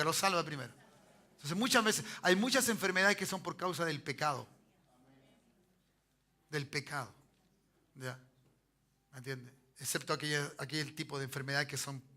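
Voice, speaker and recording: A Chilean pastor preaching to his congregation in a high, very bright voice. He keeps it conversational, checking in with the room and having them say lines back to him. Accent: Chilean Spanish. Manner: conversational preaching, frequent "¿me entiendes?" and call-and-response. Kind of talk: sermon.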